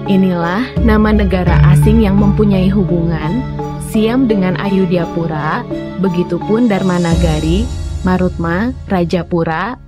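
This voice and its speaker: A woman reads a scripted educational narration in a formal, deliberate manner, enunciating each word carefully. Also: fairly low pitch. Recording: prominent background music. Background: music.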